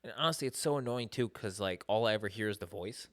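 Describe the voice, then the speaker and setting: A man's voice: lowish voice, fast talker. A young man co-hosting a podcast in casual chat, blunt and skeptical, swearing offhandedly. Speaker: podcast co-host.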